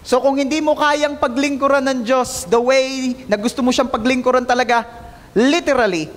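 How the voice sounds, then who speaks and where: A man's voice: very high-pitched, moderate pace. A male pastor preaching a sermon in church, mixing English into his talk and calling out to the congregation for answers. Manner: lively, calls out to the congregation for responses; mixes English into Filipino. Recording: long hall reverb.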